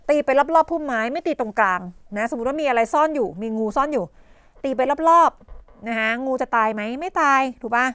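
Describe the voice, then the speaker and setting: A high-pitched Thai woman, an English teacher, tutors on a televised lesson in a brisk, slightly bright voice with a dry recording. She explains idioms with many "นะคะ" fillers and rhetorical questions, often coughing and clearing her throat.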